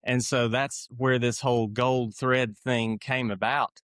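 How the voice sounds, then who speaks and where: A man's voice: mid-range voice, a bit bright, clear, resonant tone, dry recording, studio quality. A middle-aged man with an Appalachian accent, telling his own story reflectively as a podcast guest. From eastern Kentucky, United States. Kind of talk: reflective personal storytelling in an interview.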